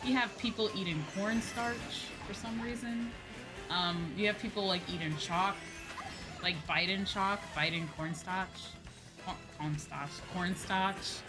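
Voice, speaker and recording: Her medium-pitched voice is steady and a little slow. She's a streamer and VTuber host, gaming while she talks casually to viewers, rambling on, repeating phrases and swearing freely, with video game music behind her.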